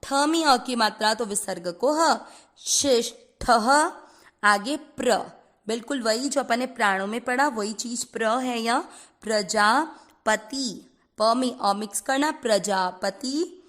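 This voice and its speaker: A woman teaching Sanskrit pronunciation. She breaks each word into syllables and then chants the whole verse slowly, mixing English words into her Hindi. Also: on the high side, a bit bright. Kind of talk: slow syllable-by-syllable recitation lesson.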